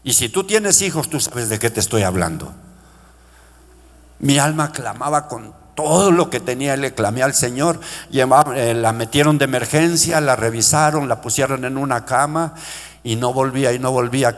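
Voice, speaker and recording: A middle-aged male pastor preaching a sermon with passion, calling out to his congregation and lifting his voice high when he quotes cries for mercy. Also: normal speed. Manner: impassioned preaching, pitch rising into shouted quotes; addresses congregation as brothers. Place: church sanctuary. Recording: long church-hall reverb.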